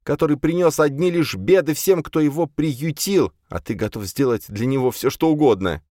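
Bitter, shouting mistress of a house, put on by a male reader, raised well above his low voice, dry and close. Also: moderate pace, dry recording, close to an everyday voice. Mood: furious. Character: furious jealous older woman, house mistress.

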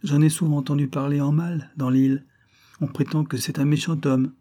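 A man's voice: a little high, level tone, moderate pace, mellow, pitched above the performer's own voice, lightly acted. A man reading aloud and voicing a proud, earnest nineteen-year-old island woman in a classic adventure novel.

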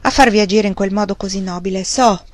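A woman reading aloud, voicing a proud male mill owner who speaks with low, earnest intensity. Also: fast, no room sound, lightly acted. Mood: bitter.

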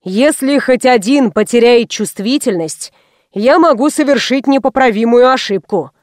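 A woman reading an audiobook voices a fussy, ceremonious old male obstetrician who speaks slowly and formally. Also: a little high, no echo, clean studio sound, natural voice. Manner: slow, formal and courtly.

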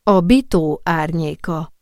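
A woman narrating an audiobook in a dramatic, expressive storytelling manner. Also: deep voice, clear, resonant tone, dry recording, studio quality. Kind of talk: scripted narration.

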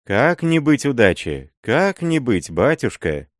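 A man's voice: mid-range voice, sing-song, slow, no room sound, studio quality, pitched above the performer's own voice. A man voicing a crafty, fawning old male miller and sorcerer who wheedles and scrapes in an audiobook. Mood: wheedling.

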